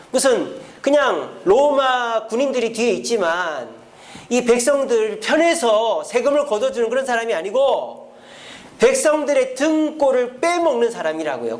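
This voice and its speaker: A man preaching a sermon as pastor, acting out biblical figures in lively bits of dialogue. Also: extremely high pitch. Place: church.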